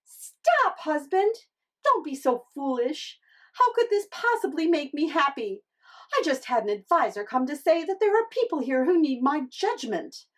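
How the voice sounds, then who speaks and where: A woman's voice: sits high, very animated, normal speed. A woman voicing a bossy, discontented fisherman's wife in a storybook tale, with a dramatic, exclaiming delivery. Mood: exasperated, complaining. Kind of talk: storybook character acting.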